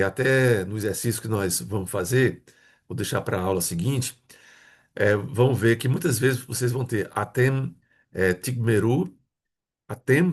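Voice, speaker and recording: A man from Brazil, teaching a grammar lesson, patiently repeating words and checking in with his students. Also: mid-range voice. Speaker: Hebrew teacher.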